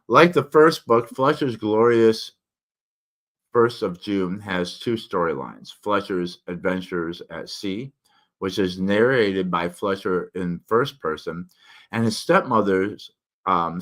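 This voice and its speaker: Male book reviewer, low voice, slurred tongue-forward diction, informal and somewhat halting delivery. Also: fairly bright tone. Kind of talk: casual spoken book review, partly read aloud.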